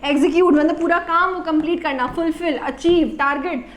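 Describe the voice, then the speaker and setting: A woman's voice: very high-pitched, steady tone, normal speed, roomy sound. A woman teacher explaining English vocabulary to students. She asks questions and answers them herself, mixes English words into her explanations, and checks in with "Got it?". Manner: repeats "Got it?" to check understanding. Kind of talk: vocabulary lesson.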